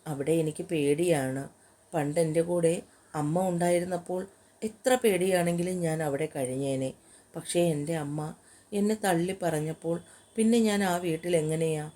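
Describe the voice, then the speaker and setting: A woman's voice: low voice, moderate pace, mellow. A woman voicing a tearful, heartbroken young woman. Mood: sorrowful. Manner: pleading, choked with tears.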